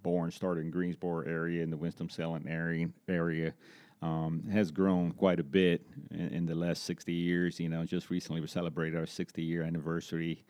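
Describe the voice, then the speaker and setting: A Brazilian man in his forties, a native Portuguese speaker with a Brazilian accent, answers interview questions conversationally as a guest; he is a corporate safety executive. His low voice is completely flat and darkish, at a moderate pace, with no echo.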